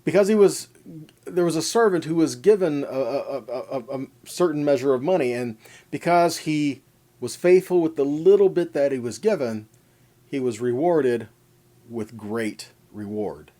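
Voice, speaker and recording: A preacher teaches a scripture lesson as an informal sermon with scripture readings, speaking conversationally and addressing listeners directly. He stresses points with repeated, parallel phrases. His voice is mid-range and dark in tone, with lively intonation at a moderate pace.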